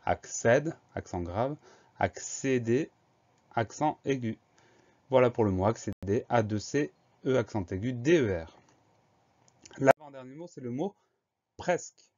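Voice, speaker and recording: Methodical male schoolteacher, spells out each word slowly; mid-pitched, a bit lo-fi. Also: lively intonation, darkish tone. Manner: spells words out letter by letter; patient, explains step by step. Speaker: primary school spelling teacher. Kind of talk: slow, methodical spelling lesson. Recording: slightly dull lo-fi recording.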